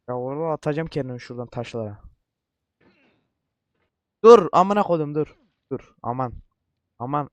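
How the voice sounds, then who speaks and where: A man giving let's-play commentary, cursing a lot in frustration and repeating short words while coaching himself to stay calm. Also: mid-range voice, dry recording, studio quality. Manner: repetitive outbursts. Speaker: gaming YouTuber.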